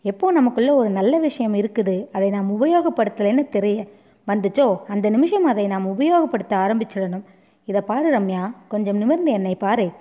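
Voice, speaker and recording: A woman voicing a gentle grown man who patiently consoles a weeping woman, speaking softly and soothingly. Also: medium pitch, expressive, normal speed, close to an everyday voice. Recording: dull lo-fi recording.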